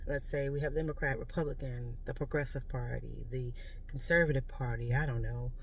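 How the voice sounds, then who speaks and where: An American vlogger talks bluntly over some background noise, in a mid-pitched voice. The delivery is a casual, off-the-cuff political rant, exasperated and emphatic. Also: steady tone, brisk, gravelly. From United States. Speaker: video creator giving political commentary.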